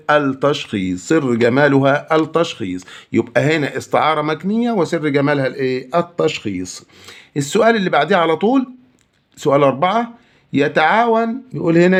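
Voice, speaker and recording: Brisk Egyptian man teaching exam answers. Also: on the high side. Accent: Egyptian Arabic. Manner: explains briskly, asks and answers his own questions. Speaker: Arabic teacher. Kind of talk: exam answer walkthrough lesson.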